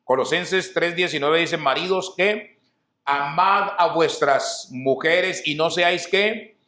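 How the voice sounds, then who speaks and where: A man's voice: on the high side, slow pace, sharp tone. A middle-aged man, a pastor preaching a sermon, who asks the congregation rhetorical questions, answers them himself and repeats key phrases. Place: church hall. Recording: roomy church hall echo.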